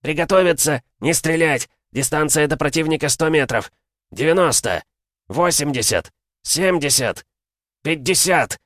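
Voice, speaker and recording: A man playing a brisk sergeant shouting commands. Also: a little high, lively intonation, no echo, studio quality, voice pushed up. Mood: commanding. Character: male sergeant relaying battle commands, brisk.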